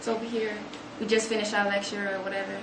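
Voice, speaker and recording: A young woman gives an animated storytelling talk to an audience, acting out quotes in a higher voice. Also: fast talker. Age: young adult. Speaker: student speaker. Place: room with an audience. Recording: echoey room, noticeable background noise.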